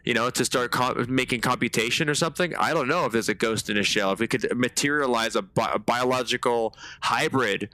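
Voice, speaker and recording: A man streaming a game live and talking to his chat in a loose, slangy way. His voice is bright and forward with some edge, and the sound is close and dry. He rambles into animated stories between moments of play. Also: mid-range voice, a little fast, few pauses, no room sound. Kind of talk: live gameplay commentary.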